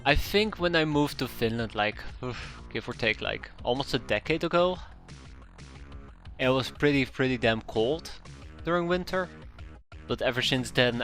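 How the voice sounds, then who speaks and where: This Dutch streamer from the Netherlands speaks in a mid-range, slightly bright voice, commenting casually on a strategy game from a room at home. He chats with viewers in a rambling way, often fixing what he just said and adding chuckling asides.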